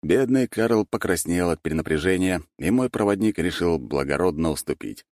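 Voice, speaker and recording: A man's voice: low-pitched, lively intonation, moderate pace, darkish tone, dry recording, clean studio sound. A man narrating a story expressively as an audiobook reader. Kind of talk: scripted narration.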